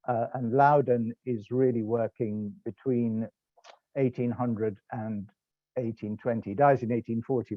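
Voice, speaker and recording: A man's voice: mid-range voice, dry recording, dull audio. A middle-aged British man with an English accent, giving a rambling, self-correcting online lecture over slides. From England. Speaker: lecturer and tour guide.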